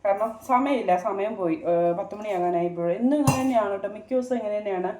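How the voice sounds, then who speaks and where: A woman's voice: mid-range voice, fast, a little mellow, roomy sound, slight background noise. A woman chatting casually to her viewers in a home vlog, often turning straight to the audience. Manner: chatty, addresses viewers with frequent "kettō". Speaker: vlogger.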